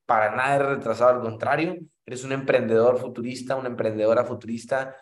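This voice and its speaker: Mexican man's motivational talk in a roomy space. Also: mid-range voice. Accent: Mexican Spanish. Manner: casual and animated, voices quoted exchanges, frequent "¿no?" tags. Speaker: network marketing entrepreneur.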